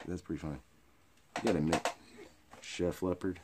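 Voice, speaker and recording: A middle-aged American man with a hick drawl and a gravelly, raspy voice, rambling through off-the-cuff comedy to camera in a crude, rowdy redneck manner. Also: low-pitched, fairly even intonation, moderate pace, heavy background noise. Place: small cluttered indoor storage room or workshop. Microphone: phone or webcam at arm's length.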